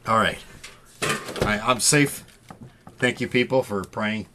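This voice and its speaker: A man's voice: on the low side, takes it slowly, background noise. A middle-aged man from the Midwest co-hosting a podcast in casual chat, stammering through restarts and laughing easily. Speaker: podcast co-host.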